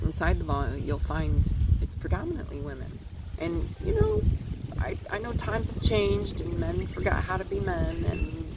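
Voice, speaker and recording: A man hosting a podcast in a rambling opinion monologue, hesitant and blunt, recorded outdoors in the wind. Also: on the high side. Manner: hesitant, many fillers and restarts, blunt opinions. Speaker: podcast host.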